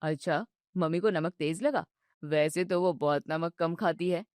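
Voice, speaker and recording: A woman voicing a young husband who calmly soothes his upset wife. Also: unhurried, dry recording, clean studio sound, lightly acted. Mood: soothing. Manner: low, soothing and patient. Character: young husband, calm peacemaker between wife and mother.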